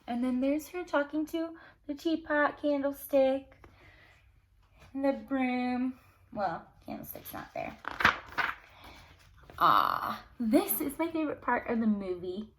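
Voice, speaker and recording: A teacher and storyteller reads a fairy tale to children in a high voice, going slowly and pausing often. Her telling is dramatic and expressive, sprinkled with casual asides, and there's slight background noise.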